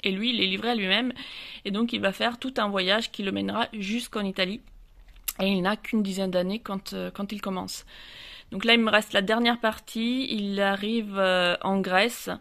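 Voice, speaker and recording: A woman vlogs from an outdoor terrace, casually discussing her books in a hesitant way full of fillers and false starts, gesturing with her hands. She speaks at a moderate pace in a medium, fairly bright voice with vocal fry and fairly even intonation.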